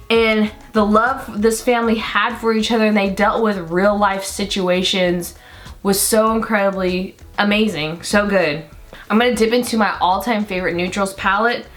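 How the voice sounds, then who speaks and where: A young beauty vlogger chats through her makeup routine in a get-ready-with-me video, rambling excitedly with lots of fillers. Her voice is deep for a woman, though her pitch stays in a normal middle range, and soft music plays faintly behind her.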